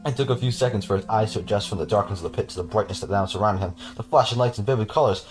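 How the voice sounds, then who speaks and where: A man's voice: fairly low pitch, very fast, faint music behind. A man hosting a podcast, reading a horror story aloud with casual, chuckling asides to his cohost.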